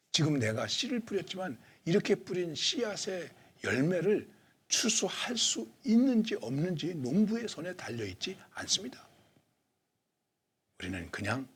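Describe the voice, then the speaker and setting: A man preaching a sermon, asking questions and answering them himself, slowing down to stress points and dropping to near-whispers. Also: a little high, breathy edge. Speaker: pastor.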